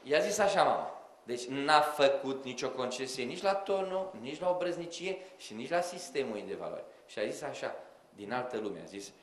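A man telling comic stories to a live audience, acting out the people in them and talking to the crowd. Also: medium pitch. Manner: animated, acts out quoted voices, addresses the audience directly. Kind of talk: live comic storytelling monologue. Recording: roomy hall, audience audible.

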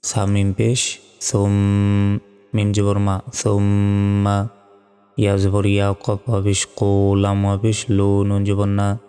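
A man with a low, flat, smooth voice leads a Quran reading lesson, spelling out the Arabic letter by letter and syllable by syllable at a very slow, deliberate pace. The drill then moves into drawn-out, slow melodic recitation. Long reverb hangs on every word over faint music.

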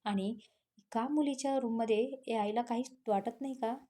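A woman reading the lines of a talkative, defensive young woman in a storybook tale, protesting quickly. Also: fairly high pitch, warm tone, lightly acted. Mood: flustered.

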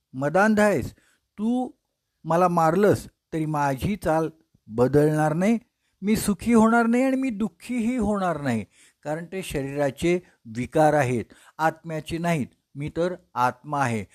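A man playing a calm, wise sage who speaks with patient authority. His voice rises and falls in lively arcs, and it stays clear and steady. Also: on the high side. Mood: firm. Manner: serene, measured, instructive. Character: calm, wise ascetic man answering a king.

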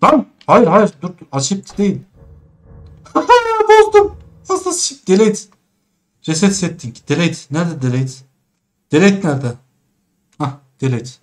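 A young man playing a game and commenting as he goes, cursing and laughing at the controls, muttering quietly while sneaking. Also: on the high side, big pitch swings, a little slow. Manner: exasperated, swearing at the game's controls, laughing. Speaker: gaming streamer. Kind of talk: let's play commentary.

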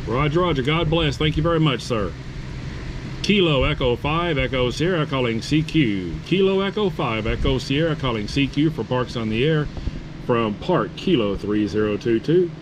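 A man's voice: mid-range voice, normal speed. A courteous man working as an amateur radio operator, calling and repeating phonetic call signs outdoors. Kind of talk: radio contest-style calling, phonetic spelling. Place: outdoors at a campsite table. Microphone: camera on the table beside the radio. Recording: clear steady outdoor background noise.

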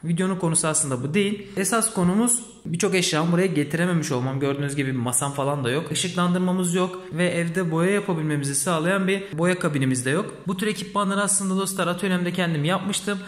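A man hosting a hobby channel, talking casually to camera from a small empty room in his new home, his voice echoing off the bare walls, and he keeps calling the viewers his friends. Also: sits high. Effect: echo of an empty, bare room. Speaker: hobby DIY channel host.

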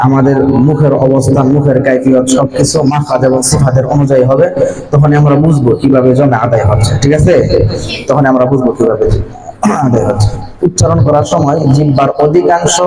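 A male madrasa teacher giving a Quran pronunciation lesson, asking the class questions and repeating the answers. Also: medium pitch. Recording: echoey room with a crowd of students. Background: students chanting along.

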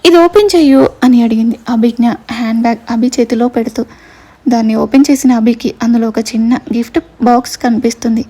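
A woman storyteller narrating an audio drama with a mellow, dark tone and a voice pitched a little high. She reads steadily and expressively. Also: flat delivery, fast, slightly rough.

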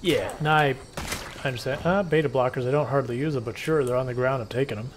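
A man's voice: mid-range voice, fast talker, slight background noise. A man casually chatting and joking while he livestreams a video game. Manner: rambling, joking, conversational. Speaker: game streamer. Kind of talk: casual chat while gaming.

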